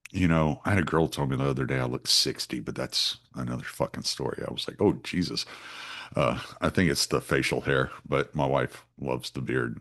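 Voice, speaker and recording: A man's voice: rumbling low, a bit bright. A man, hosting a solo podcast in a rambling, casual way full of restarts and fillers. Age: 40s. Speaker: podcast host.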